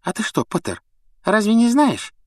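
A smug, taunting teenage boy voiced by a man reading an audiobook needles his rival in a sly, jeering tone. The voice sits well above the reader's usual pitch, recorded close and dry. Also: expressive, unhurried, a bit bright, dry recording. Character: taunting arrogant teenage schoolboy.

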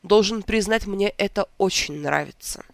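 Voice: mid-range voice, normal speed, vocal fry, no room sound, natural voice. A reader doing a sentimental old wizard. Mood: reminiscing.

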